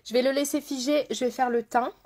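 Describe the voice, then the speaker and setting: A talkative makeup streamer works while chatting with her audience, calling out viewers by name and saying things over again. At times she eases into a slow, soft, almost hypnotic murmur, her high voice keeping a steady tone against slight background noise.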